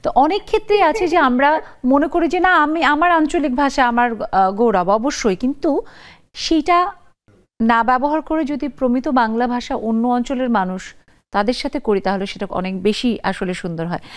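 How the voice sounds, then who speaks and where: A woman's voice: a little high, moderate pace. A woman hosting a live television talk show, inviting callers and viewers to share their thoughts. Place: TV studio.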